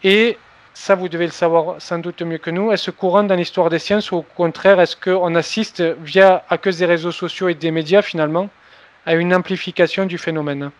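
A man with a notably high-pitched voice hosts the interview. He reads his prepared questions from notes and sometimes jokes at his own expense. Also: fairly even intonation, normal speed, dry recording. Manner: reads prepared questions, occasional self-deprecating joke. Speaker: interviewer host.

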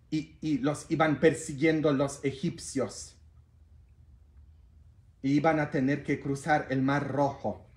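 A man preaching a sermon as a priest, playful and animated, with bursts of shouting. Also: on the high side. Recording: roomy echo.

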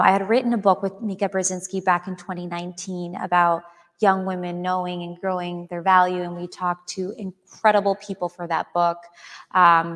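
A woman's voice: fairly low pitch, fairly bright tone. Reflective woman from Chile in a hall. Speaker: author guest. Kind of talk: onstage interview conversation. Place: auditorium stage before an audience. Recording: hall with long reverb.

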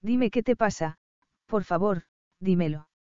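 A heartsick young bride speaks soft and hesitant, as a woman narrator reads her. The voice is warm and smooth, and the recording is dull and dry. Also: medium pitch, unhurried, no room sound, close to an everyday voice. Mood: troubled.

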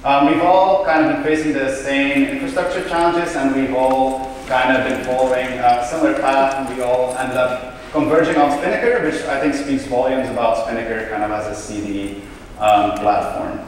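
A man's voice: mid-range voice, steady tone, normal speed, distant mic, a little hiss or hum. A young man from Belgium giving a casual conference keynote on stage, with lots of ums and uhs. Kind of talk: conference talk. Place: large hotel conference hall on stage. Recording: echoey hall, miked from afar.

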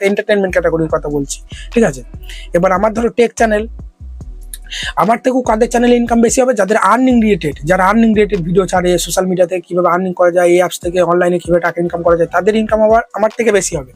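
A man's voice: high voice, darkish tone. A man narrating a screen-recorded tech tutorial, chatty and checking in with the viewer. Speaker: tech YouTuber.

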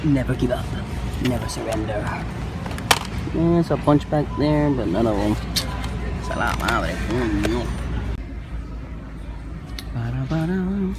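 A man's voice: medium pitch, lively intonation, slow pace, long pauses, over loud music. A man vlogging a toy hunt in a large store, muttering to himself as he browses the shelves and dropping Spanish exclamations. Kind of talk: casual vlog commentary. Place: large retail store, indoors.

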